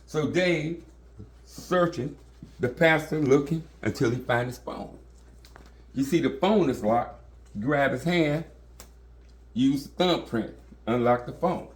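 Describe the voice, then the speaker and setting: A man's voice: mid-range voice, slow, pauses often, roomy sound. A man telling a dramatic story casually and with vivid energy. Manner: animated, vivid retelling.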